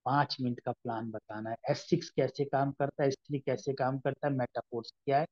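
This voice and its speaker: A man's voice: medium pitch, steady tone, a little fast, a little mellow, no echo. Man giving a dry, lo-fi sales pep talk. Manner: addresses listeners as friends, acts out sales dialogues. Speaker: network marketing trainer. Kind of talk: motivational sales training talk.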